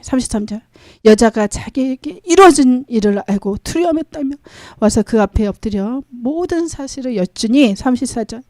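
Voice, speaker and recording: A woman delivers a church sermon in a fairly high voice, reading scripture and questioning the congregation with frequent hallelujahs. Her delivery swings from loud calls down to near-whispers. The sound is dry and close, with little room. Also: dry recording. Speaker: preacher.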